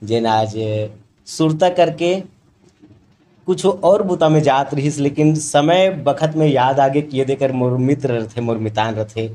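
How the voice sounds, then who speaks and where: A man's voice: medium pitch, measured pace, dark tone, slight background noise. A man from Chhattisgarh with a Chhattisgarhi accent, a mimicry artist and stage announcer introducing himself formally and respectfully in a salon. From Chhattisgarh, India. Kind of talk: formal greeting and self-introduction.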